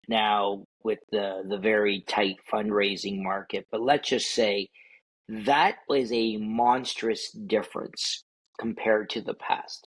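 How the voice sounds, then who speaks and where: A man with a low, slightly husky voice talks slowly and deliberately in a podcast interview. He counts off his points with emphasis, and the sound is dry and close. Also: dry recording, low-quality recording. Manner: measured, emphatic, lists points. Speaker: startup ecosystem guest.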